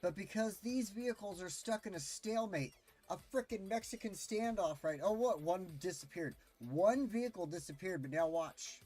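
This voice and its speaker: A man's voice: high voice, moderate pace, a little mellow, faint music behind. A man streaming a city-building game, delivering an impassioned, pleading rant with swearing. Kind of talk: ranting gameplay commentary.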